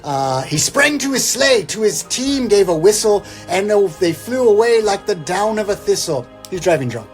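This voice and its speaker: Speaking in a high, very animated voice at normal speed with hardly any pauses, a man theatrically recites a comedic poem and tosses in casual, irreverent jokes. The wry guest reader is backed by instrumental Christmas music.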